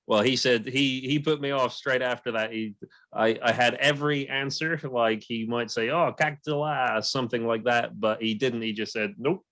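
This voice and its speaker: A man's voice: mid-range voice, steady tone, normal speed, a bit bright, no room sound. A young man hosting a podcast, telling a story in a loose, rambling way. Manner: storytelling, many restarts and fillers. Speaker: podcast host. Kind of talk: casual podcast chat.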